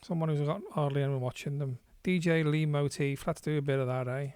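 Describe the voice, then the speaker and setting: This DJ hosting a livestream has a slightly high voice with fairly even intonation and a brisk pace, recorded clean and studio-quality with no room sound. Music plays loudly beneath his easygoing chat between tracks, where he chuckles and swears casually.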